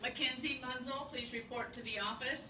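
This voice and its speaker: A staff member making a brief, plain call to the office over a school intercom loudspeaker. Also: high voice, fairly even intonation, normal speed, noisy background. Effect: heard over a school intercom loudspeaker. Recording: faint, distant intercom loudspeaker.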